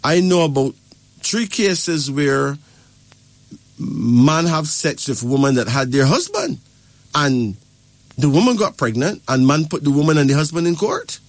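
This man from Barbados is a spiritual advisor giving casual advice in a lecturing way, often checking in with "right?" or "okay?". His voice is a little high and very animated, and he speaks unhurriedly. The recording is dry.

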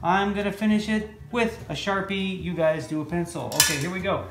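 A middle-aged American man gives children a casual, playful, folksy drawing lesson step by step, working at a drawing board in an indoor room. His voice sits high with a steady tone, brisk pace, and slight brightness, while the recording has a roomy echo, music underneath, and slight background noise.

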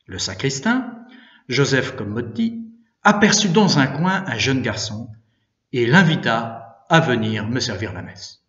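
A priest reading a religious story aloud with expressive, animated storytelling. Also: male voice, mid-range voice, a little slow. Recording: distant, echoey, dull room recording.

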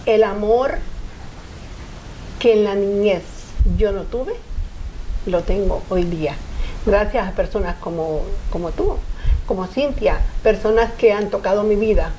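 Speaking a little slowly with frequent pauses, the same older Honduran foundation founder answers personal interview questions on a TV studio set, her medium-pitched voice warm and earnest. She reflects in brief phrases, and the rough recording picks up slight background noise.

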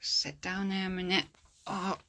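A woman with a bright, sharp voice films a casual ghost hunt on her stairs. She chats along and calls out loudly to the spirits. It is recorded on a phone she holds in her hand indoors. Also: lowish voice, fairly even intonation, unhurried. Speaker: amateur ghost hunter. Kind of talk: casual home ghost-hunting vlog. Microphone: handheld phone.

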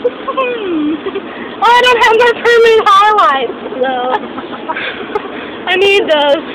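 Brief: playful young woman, very high voice, slow talk, loud road noise. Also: animated. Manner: giggly, playful, teasing. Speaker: vlogger filming in the car. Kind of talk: giggly casual chat. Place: inside a moving car. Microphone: handheld camera.

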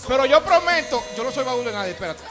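A man's voice: extremely high pitch, big pitch swings, fast talker, music in the background. A man hosting a studio TV show, teasing his guests and joking on air into a handheld mic. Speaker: TV show host. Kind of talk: comedic studio banter.

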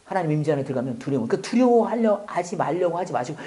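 Male pastor, sermon, quick delivery, lively pitch, loud bursts dropping to whispers, joking asides. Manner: animated, swinging from loud exclamations to near-whispers, joking asides.

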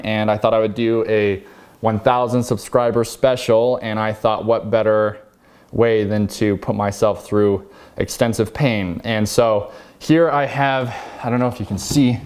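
A man's voice: mid-range voice, darkish tone. A man talking casually to camera in a vlog, hesitant and self-deprecating. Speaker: YouTuber.

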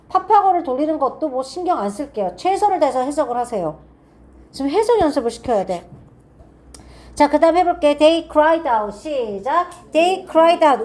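A high-voiced woman with a lively, swooping delivery runs a grammar class. She keeps checking in with her students and reads each example sentence slowly and carefully. She is recorded in a classroom. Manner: quizzing students with quick repeated checks. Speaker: English teacher at a cram school.

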